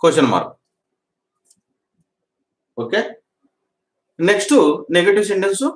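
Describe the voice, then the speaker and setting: A man's voice: high voice, expressive, echoey room. Telugu-accented man teaching English grammar. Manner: drills sentences, repeats each example, urges quick practice. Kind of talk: classroom grammar lesson.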